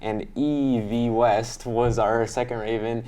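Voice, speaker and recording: A man's voice: mid-range voice, steady tone, takes it slowly, mellow. A teenage boy co-anchoring a student newscast, reading announcements upbeat with occasional restarts. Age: teens. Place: school studio.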